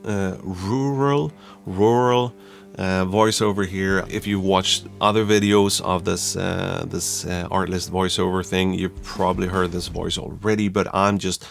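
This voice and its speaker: A man from Sweden, reviewing software in a chatty, self-deprecating tutorial style. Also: sits low, fairly even intonation, unhurried, creaky, hardly any pauses, soft background music. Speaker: YouTube reviewer. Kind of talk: casual tutorial talk.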